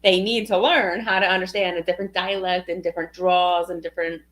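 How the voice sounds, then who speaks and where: A woman with a New Jersey accent co-hosting a casual livestream chat, talkative and quick to laugh. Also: fairly low pitch, steady tone, fairly bright tone. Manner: chatty, laughs often, loses her train of thought. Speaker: co-host.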